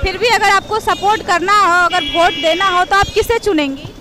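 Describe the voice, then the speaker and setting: A woman with a very high voice reports from a busy street crossing. She chats easily and nudges passersby with question after question. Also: moderate pace, a loud crowd. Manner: chatty, coaxing questions to passersby. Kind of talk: street vox pop reporting.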